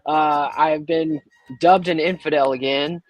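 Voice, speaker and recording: Rich: A man calling into a livestream over headset audio tells a story in an animated way, jumping up in pitch whenever he quotes someone. His voice sits a little high for a man and sounds close and dry, with no room around it. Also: unhurried, no room sound, faint music behind. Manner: animated, acts out quoted people with a raised voice. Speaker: caller on a livestream. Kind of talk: casual chat, telling a story.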